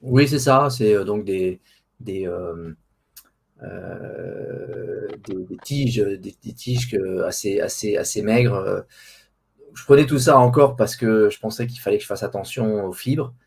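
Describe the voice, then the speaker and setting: A man's voice: fairly low pitch, slow, creaky, darkish tone, husky. A man answering casually as an interview guest, hesitant and often repeating words while he searches for the next one. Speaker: interview guest, online diet group administrator.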